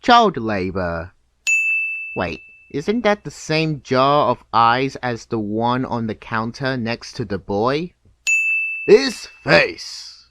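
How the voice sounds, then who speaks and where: A man giving scripted, nitpicking video commentary in a deadpan, sarcastic manner. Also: medium pitch, slow, loud music behind the voice. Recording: clear background noise.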